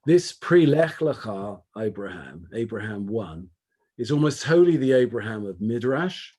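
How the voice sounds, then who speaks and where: A man delivers a formal academic lecture, his voice slightly husky and low in clarity. He speaks in a measured, deliberate way, stressing key words and stacking phrases in rhetorical lists. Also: a little mellow.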